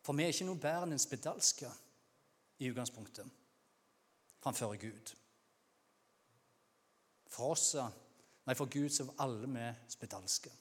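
Male preacher, Norwegian accent, mid pitch, chatty sermon delivery with acted outbursts, long hall reverb. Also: pauses often, husky. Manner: conversational preaching, acts out shouted cries.

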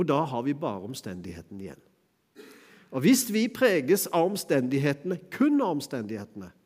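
Middle-aged male preacher, slightly high voice, relaxed conversational sermon, reverberant church. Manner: conversational preaching with chuckles and fillers.

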